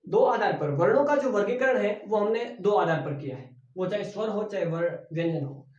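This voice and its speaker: A man's voice: high voice, animated, moderate pace, darkish tone. A man teaching an exam-prep grammar lesson who often asks the class his own questions back and then answers them. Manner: repeats key words as questions to the class. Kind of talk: classroom lecture for exam preparation. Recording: echoey room, voice from a distance, dull sound.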